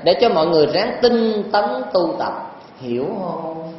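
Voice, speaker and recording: Southern vietnamese monk, highish voice, joking dharma talk, super echoey dull recording. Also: male voice, animated, moderate pace. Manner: folksy, teasing, asks the audience questions. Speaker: Buddhist monk teacher. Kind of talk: dharma talk to lay audience. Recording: very echoey hall, dull lo-fi sound, faint noise.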